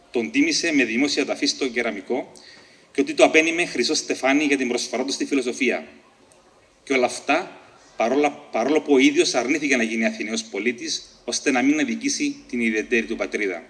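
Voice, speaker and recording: A man reading his own short story aloud at a book launch, with a measured, deliberate delivery and the odd slip and restart. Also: medium pitch, a bit bright.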